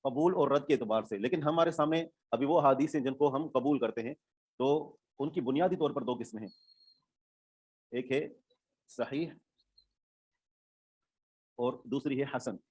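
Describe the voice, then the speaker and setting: A man's voice: medium pitch, moderate pace, a little mellow, breathy edge, no room sound. A male Islamic studies teacher giving an online class lecture, explaining terms step by step, repeating them and checking that students follow.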